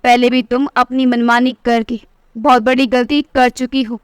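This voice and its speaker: An earnest young husband who pleads with his wife, voiced by a woman telling the story. The voice stays light and high, and it sounds clean and smooth. The recording is dry and close. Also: little pitch movement, normal speed, dry recording, lightly acted. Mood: exasperated. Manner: earnest, then exasperated.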